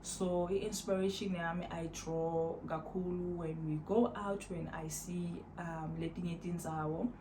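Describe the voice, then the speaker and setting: A woman's voice: fairly low pitch, steady tone, a little slow, few pauses, background noise. A South African woman in her thirties chatting casually to her viewers at home, laid-back and rambling, mixing in Zulu phrases. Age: 30s. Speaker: vlogger. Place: at home, indoors.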